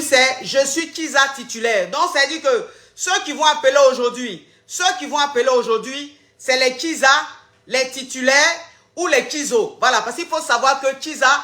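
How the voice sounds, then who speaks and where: Woman host, high and bright, playful and teasing, live call-in stream, echoey room. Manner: playful, repetitive, teasing callers. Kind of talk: casual live-stream chat with callers.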